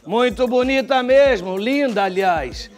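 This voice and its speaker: An older man with a Brazilian Portuguese accent giving chatty studio TV commentary, with wry asides and drawn-out sign-offs. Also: very high voice, soft background music. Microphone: lapel mic.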